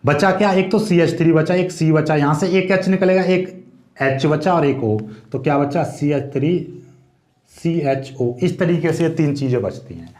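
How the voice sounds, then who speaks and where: A man's voice: on the high side, normal speed, darkish tone, roomy sound. A man teaching chemistry, explaining each step and asking questions to his students. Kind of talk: board exam lecture.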